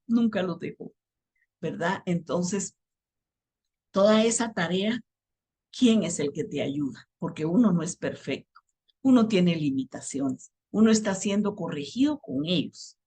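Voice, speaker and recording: A woman's voice: fairly low pitch, slightly rough. A middle-aged woman teaching a counseling class on parenting, telling stories from raising her children and checking in with "right?". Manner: warm storytelling, asks "¿verdad?" often. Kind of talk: teaching talk with personal stories.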